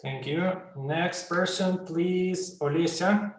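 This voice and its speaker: A male workshop host calls on participants over a video call, slow and polite. His voice is slightly high for a man, and the room around him is noticeably echoey. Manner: polite, slow, apologetic about names. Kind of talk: moderating introductions on a video call.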